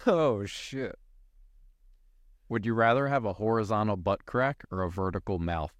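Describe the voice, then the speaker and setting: A man's voice: on the low side, unhurried, no echo. A man co-hosting a podcast, joking, swearing freely and pressing his point in casual chat. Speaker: podcast co-host.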